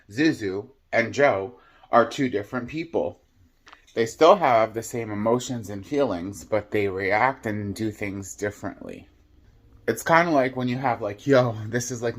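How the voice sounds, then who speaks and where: A man with a mid-range voice talks to camera in a casual monologue. He sounds earnest and reflective, loose and conversational, with fillers scattered through. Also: medium pitch. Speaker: vlogger.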